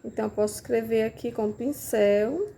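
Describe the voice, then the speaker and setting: Gravelly-voiced woman teacher explaining to parents. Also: fairly high pitch, normal speed, warm tone, slight background noise. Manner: demonstrates with materials, asks questions as if to a child. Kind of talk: casual instructional talk.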